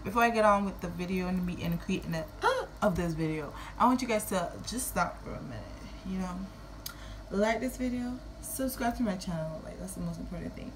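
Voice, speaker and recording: A woman's voice: lowish voice, lively intonation, fairly quick, a little hiss or hum, poor audio. A woman in her early twenties with a Kittitian-Nevisian Caribbean accent, chatting casually and playfully to camera. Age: early 20s. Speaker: vlogger. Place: small room at home.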